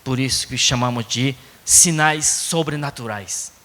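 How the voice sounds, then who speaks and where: Japanese-accented man preaching, bright and unhurried, casual tag questions, long church reverb. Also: medium pitch. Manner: conversational, frequent tag questions. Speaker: pastor. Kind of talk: sermon. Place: church sanctuary.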